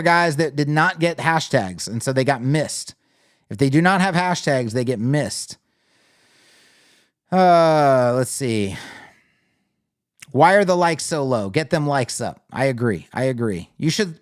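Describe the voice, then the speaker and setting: A man hosting a live web design critique, talking bluntly and thinking aloud as he scrolls through sites. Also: on the high side. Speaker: web design show host. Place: home studio with lights on.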